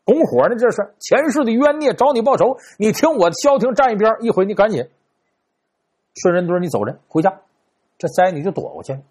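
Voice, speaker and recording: A man doing a shrewd smooth-talking fortune teller. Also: sits high, lively intonation, brisk, pitched above the performer's own voice. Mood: hushed ominous. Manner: coaxing, conspiratorial, hushed warnings.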